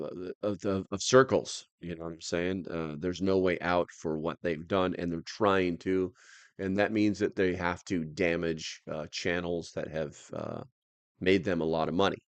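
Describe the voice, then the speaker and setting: A man hosting a casual livestream in a low, calm, unhurried tone, rambling and often restarting his sentences. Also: clean tone, no room sound. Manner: rambling, halting, trails off and restarts. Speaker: livestream host. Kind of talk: casual chat with a livestream audience.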